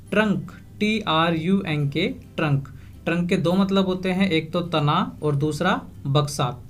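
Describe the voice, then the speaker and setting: Slow, careful male language teacher. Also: fairly high pitch. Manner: spells each word letter by letter, then gives its meaning. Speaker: English teacher. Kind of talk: vocabulary lesson, spelling words aloud.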